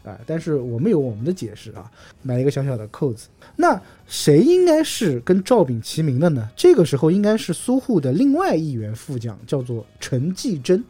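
A man hosting a casual podcast chat, retelling old novel episodes in a lively storytelling way with jokes. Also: on the high side, brisk, slightly rough, faint music behind. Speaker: podcast host.

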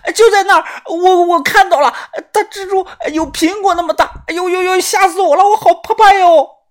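A woman voicing a cowardly young man, shrill and panicky in a storybook reading. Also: fairly quick. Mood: panicked.

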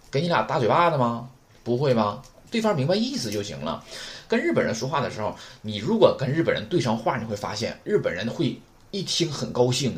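Man, language teacher, casual lecture, lively pitch, keeps asking rhetorical questions. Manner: chatty, rhetorical questions, repeats points slowly.

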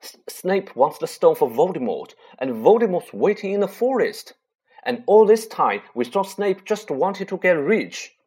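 A man's voice: on the high side, big pitch swings, moderate pace, a little mellow, husky, voice pushed up. A man voicing a frightened, feverish eleven-year-old boy wizard in a storybook reading, talking in an urgent, raised, breathless way.

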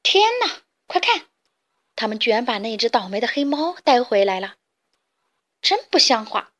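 A woman's voice: a little high, sing-song, moderate pace, fairly bright tone. A woman voicing a superstitious flock of panicky chicks in a storybook, shrieking shrilly. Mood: scornful.

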